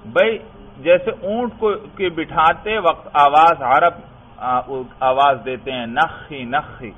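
A man from Pakistan teaching Arabic grammar in a classroom lecture. He keeps asking the class questions, answers them himself and calls his listeners brother. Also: a little high. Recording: tinny phone-like lecture recording.

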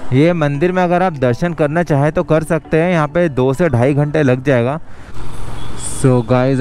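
A man's voice: mid-range voice, darkish tone. A man in his thirties, a travel vlogger talking casually to his viewers as friends while riding a motorbike on an outdoor mountain road, recorded on an action camera. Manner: chatty, addresses viewers directly as friends. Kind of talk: casual travel vlog narration. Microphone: action camera on the bike and held at arm's length.

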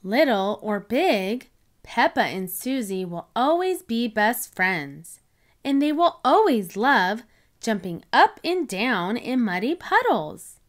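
Woman reading a kids' book aloud, animated. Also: a little high, slow. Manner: animated, expressive. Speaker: children's book reader. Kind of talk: storybook read-aloud.

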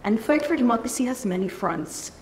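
A woman from Israel giving a keynote lecture at a lectern in a large conference hall, speaking in a measured, earnest way. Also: fairly high pitch, animated, slight background noise. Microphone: lectern microphone. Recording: reverberant hall, faint ambience.

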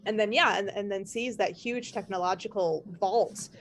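A woman with a mid-range voice hosts a podcast at a moderate pace, chatting casually and rambling with lots of laughter and restarts. There's a slight hiss or hum in the recording.

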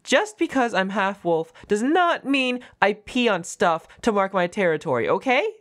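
In an audio roleplay, a woman plays a young half-wolf girl who's her roommate, defensive and flustered. She stammers, dodges and whines, her mid-range, near-everyday voice swinging widely in pitch at a normal pace.

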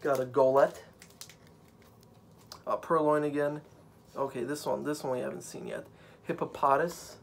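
A man's voice: fairly high pitch, fairly even intonation, normal speed, vocal fry, long pauses, slight background noise. A man hosting a casual card-unboxing chat at home on a couch, rambling and joking, with many fillers. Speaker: channel host.

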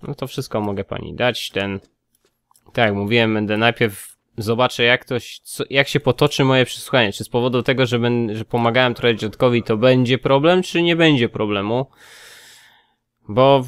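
A man's voice: mid-range voice, fairly bright tone, clear, resonant tone, no room sound, studio quality. A man casually commenting on his gameplay, thinking aloud and muttering as he checks details. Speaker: let's play gamer.

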